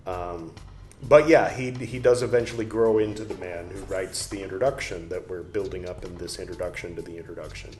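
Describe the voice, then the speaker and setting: A man's voice: deep voice, fairly even intonation, fairly quick, darkish tone. A man reading a book aloud and breaking off into rambling, jokey asides of his own. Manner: rambling, jokey asides between read passages. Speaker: book reader and commentator. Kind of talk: casual reading with commentary. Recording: echoey room with faint music.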